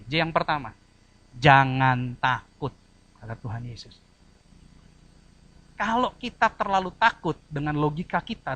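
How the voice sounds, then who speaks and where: A man's voice: on the high side, fairly bright tone. A man preaching a church sermon, addressing the congregation directly and acting out short quoted voices. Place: church service.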